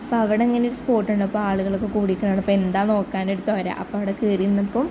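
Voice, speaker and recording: A woman's voice: mid-range voice, level tone, very fast, noisy background. A woman with a Kerala Malayali accent vlogging casually, mixing English words into her Malayalam. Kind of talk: casual vlog narration.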